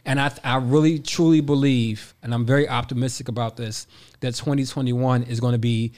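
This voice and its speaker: A man's voice: mid-range voice, fairly even intonation, fairly quick, a little mellow. A man in his forties, a podcast guest giving emphatic motivational talk, repeating his phrases and addressing listeners as y'all. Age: 40s.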